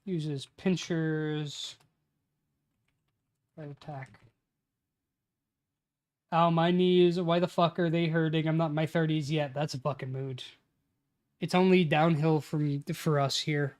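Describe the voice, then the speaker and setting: Slow and prone to frequent pauses, this late-twenties man speaks in a steady, slightly mellow voice pitched on the high side. He's casually livestreaming as he drafts a tabletop campaign, reading his lines under his breath while typing and later joking around with friends with plenty of swearing.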